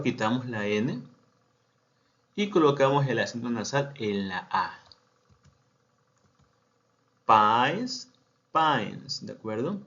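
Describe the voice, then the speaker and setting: A man teaching Portuguese grammar, saying example sentences slowly and explaining with frequent check-ins to his students. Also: medium pitch. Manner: slow model sentences, then quick explanations with frequent "¿de acuerdo?". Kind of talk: language lesson. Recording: dull lo-fi sound.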